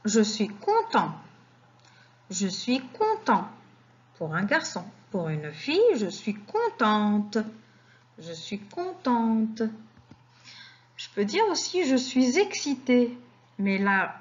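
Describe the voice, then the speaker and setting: A woman teaching French vocabulary, speaking slowly and repeating example sentences for learners. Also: medium pitch, highs cut off. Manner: slow and deliberate, repeats words for learners.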